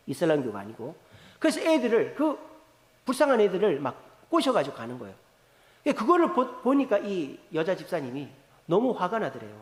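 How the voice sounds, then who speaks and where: Male pastor, higher voice, lively storytelling sermon, long church-hall reverb. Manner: animated storyteller with rising and falling emphasis. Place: large church sanctuary.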